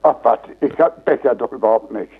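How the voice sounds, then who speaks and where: An older man answers a call and talks in a thin, tinny telephone sound. His voice sits at an ordinary middle pitch. He is puzzled and increasingly annoyed, and he keeps asking what the caller means. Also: a little fast, creaky. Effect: heard over a phone line. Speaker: prank call target. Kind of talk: bewildered phone conversation. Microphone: telephone handset.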